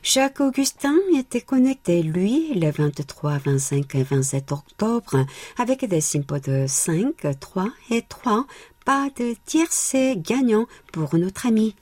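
A woman presents a radio programme from a script, reading out listeners' messages. Her voice is soft-edged and husky, and it moves with very animated intonation. The sound is close and dry. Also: medium pitch, slow, no room sound. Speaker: radio host.

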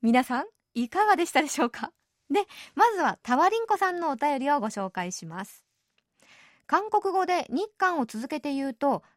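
Woman radio host, chatty and easygoing, fairly high voice, dry close studio sound. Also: no room sound. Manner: chatty, adds soft tag particles often. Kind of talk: radio program presenting.

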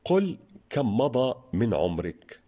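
A man reading as a witty, calm old sheikh. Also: fairly low pitch, normal speed, over music. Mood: dry.

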